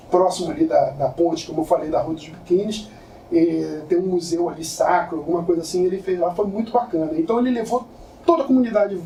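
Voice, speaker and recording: A man's voice: fairly high pitch, mellow, slight background noise. A man giving an informal lecture as a photographer, telling stories in a casual, slangy way to an audience in a lecture room. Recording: echoey room from far off.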